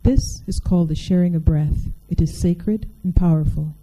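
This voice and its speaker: A woman reading aloud as a mysterious male being, speaking quietly, measured and intimate. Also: fairly low pitch, natural voice, poor audio. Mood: solemn. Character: mysterious seductive male otherworldly being, calm and commanding.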